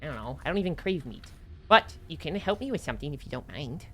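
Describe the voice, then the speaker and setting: High, eager little talking rat. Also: male voice, very animated, fast talker, pushed and bright. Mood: chatty. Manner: eager, polite, babbling. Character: big friendly talking rat, small childlike eager voice. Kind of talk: tabletop role-play.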